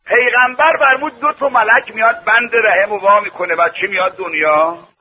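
A man preaching a sermon in an impassioned way, rising to shouts and dropping to hushed storytelling. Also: high-pitched, fairly even intonation. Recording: dull lo-fi old tape.

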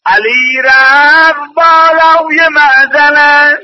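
A male preacher delivering an impassioned, chanted religious lament to mourners in a hall, often shouting and repeating calls to listen. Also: extremely high pitch, steady tone, dull audio.

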